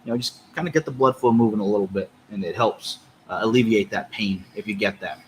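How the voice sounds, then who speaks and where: A man's voice: lowish voice, fast talker, low-quality recording. Man chatting casually over noticeable background noise. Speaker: podcast co-host. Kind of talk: casual cigar review chat.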